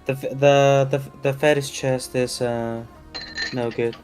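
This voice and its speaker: A man playing in a tabletop game, talking casually in a hesitant, halting way. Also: medium pitch, little pitch movement, over music. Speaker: player. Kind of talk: casual chat.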